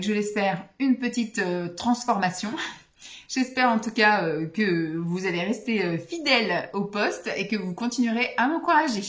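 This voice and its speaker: A woman's voice: medium pitch, roomy sound. A woman in her forties chatting casually to camera as a vlogger, rambling with many hesitations. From France. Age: 40s.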